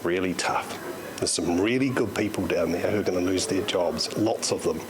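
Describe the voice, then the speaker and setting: Very deep-voiced New man, subdued. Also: moderate pace, noisy background. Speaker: newsroom executive interviewee. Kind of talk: terse, subdued interview answers.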